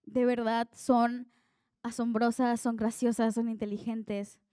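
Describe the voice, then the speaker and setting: A woman's voice: a little high, level tone, slow, mellow, smooth, no room sound, clean studio sound. A young woman preaching an earnest, conversational sermon that draws on her own life.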